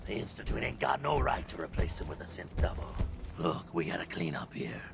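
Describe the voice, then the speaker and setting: A very deep, gravelly guardsman talks in weary, colloquial bursts. He sounds gruff and bitter, a game character with noisy ambience around him. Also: very animated, brisk, heavily acted. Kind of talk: video game character acting. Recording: clear background noise, game ambience.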